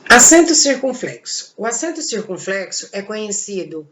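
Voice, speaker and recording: A woman's voice: medium pitch, sing-song, normal speed, a bit bright, a little hiss or hum. A woman teacher with a Brazilian Portuguese accent giving a recorded grammar lesson, explaining patiently with rhetorical questions and diminutive words. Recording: echoey, dull lo-fi room recording.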